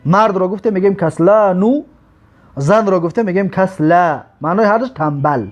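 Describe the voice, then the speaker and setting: A man teaching an Arabic grammar lesson, drawing out example words slowly between quick explanations. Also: high voice, lo-fi sound. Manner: slow drawn-out example words, quick asides.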